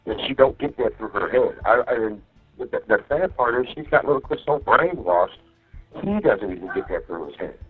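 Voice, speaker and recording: Speaking at a normal speed, a man in jail rambles profanely to his partner over the phone, leaning on "you know what I mean" and repeating himself to be sure he's understood. His voice sits at medium pitch, with lively intonation and a breathy edge. Faint music can be heard on the muffled jail line.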